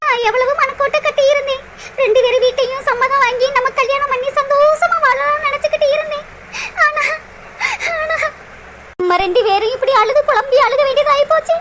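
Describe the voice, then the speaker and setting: A woman's voice: very high-pitched, a little fast. A woman voicing a heartbroken young woman in a cartoon, crying and pleading for her lost love. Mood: weeping. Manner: tearful, pleading and sobbing. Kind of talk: cartoon voice acting. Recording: loud background noise.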